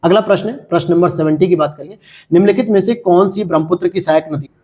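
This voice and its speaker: Mellow-voiced man explaining exam answers. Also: sits high, fast. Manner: chatty, talks straight to students, asks and answers his own questions. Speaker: exam-prep teacher.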